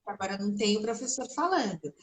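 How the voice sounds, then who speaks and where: A woman's voice: mid-range voice, expressive, quick pace, a crowd in the background, poor audio. A woman guest speech therapist explaining in a conversational way on a video call, with many tag questions. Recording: faint noise and clicks on a call.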